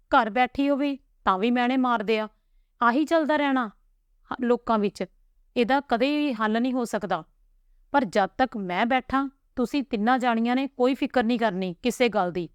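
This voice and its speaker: A woman reading the part of a gentle older father who comforts his daughters in a tender, reassuring way. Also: a little high, clean tone, no echo, studio quality, pitched above the performer's own voice, close to an everyday voice.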